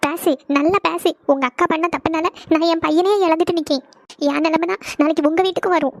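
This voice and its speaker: A woman's voice: extremely high pitch, steady tone, fairly quick, vocal fry, no echo. A woman voicing a bitter, grieving middle-aged mother in a cartoon, harsh and contemptuous. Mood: cursing. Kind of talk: cartoon voice acting.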